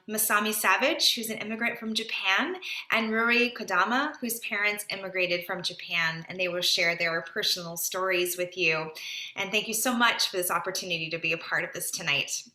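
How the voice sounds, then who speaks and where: A woman's voice: medium pitch, bright, forceful tone. A woman representing a theater company, giving an earnest, sincere speech at an online event. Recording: echoey room.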